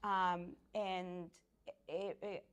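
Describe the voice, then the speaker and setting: A woman from the Dominican Republic, a native Spanish speaker, chatting as a guest in a casual interview, laughing often and pausing with many ums. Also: lowish voice, little pitch movement, clear, resonant tone.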